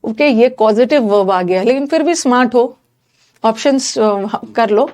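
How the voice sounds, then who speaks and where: A woman's voice: a little high, unhurried, darkish tone. A woman giving an exam-prep grammar lecture, explaining in a mix of Hindi and English and putting questions straight to her students.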